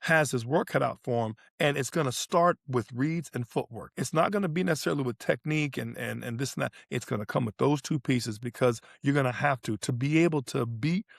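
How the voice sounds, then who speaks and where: Speaking briskly with few pauses, a man with a creaky, medium-pitched voice breaks down tennis play as a sports podcast co-host. His talk is casual, with phrases repeated for emphasis, and the studio-quality audio has no echo.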